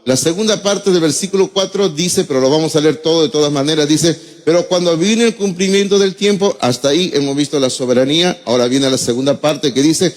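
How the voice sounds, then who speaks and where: A middle-aged man with a Peruvian Spanish accent preaching a sermon as pastor, emotional and addressing listeners as brother. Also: a little high. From Peru. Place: church hall. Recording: long church reverb.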